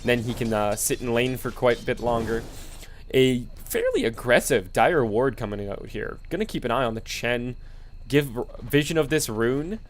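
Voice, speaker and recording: A man's voice: mid-range voice, big pitch swings, normal speed. A man commentating a video game match alone, laid-back and explanatory with many fillers, sleepy and yawning. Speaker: esports commentator. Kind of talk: solo play-by-play game commentary.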